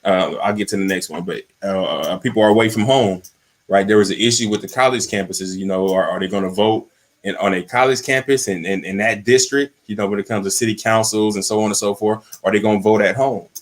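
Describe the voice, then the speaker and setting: A man's voice: on the low side, fairly even intonation, fairly quick. A man, a voter outreach organizer, explaining things in casual chat and checking in with his listeners.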